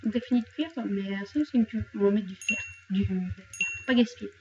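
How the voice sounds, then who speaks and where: A woman's voice: medium pitch, fairly quick, muffled recording, background noise. A young woman chatting playfully to her viewers while she plays, talking to objects and joking about crying. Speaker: gaming youtuber. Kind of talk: casual let's play commentary.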